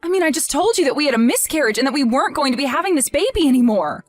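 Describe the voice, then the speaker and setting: A woman's voice: high voice, lively intonation, very fast, no room sound, soft background music. A woman voicing a grieving young wife in a text-message drama, emotional and pleading. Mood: hurt, pleading. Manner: emotional, pleading, voice rising and falling.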